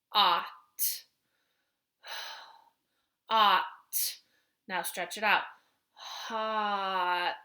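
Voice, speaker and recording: A woman's voice: medium pitch, steady tone, extremely slow, long pauses, pushed and bright. A woman teaching phonics to young children, patiently stretching out letter sounds as she builds words. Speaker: kindergarten teacher.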